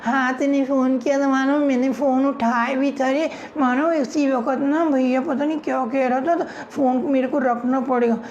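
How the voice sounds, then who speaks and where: A man's voice: steady tone, lo-fi sound, a little hiss or hum. A male comedian mimicking chatty young women friends gossiping at a street snack stall, in a stand-up act. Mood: gossipy. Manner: high-pitched, gossipy, fast back-and-forth chatter. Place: comedy stage before a live audience.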